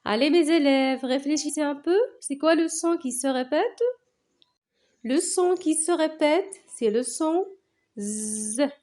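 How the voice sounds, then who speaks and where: A woman teaching a reading lesson to young children, slowly repeating each sound, syllable and word. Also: high-pitched, a little mellow. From Morocco. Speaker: primary school teacher.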